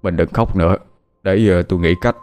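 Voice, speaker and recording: Male narrator as a downtrodden old husband, deep, quiet, faltering. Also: brisk, lightly acted. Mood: pleading. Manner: low, soft, hesitant pleading. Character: poor old tailor, gentle, despairing husband.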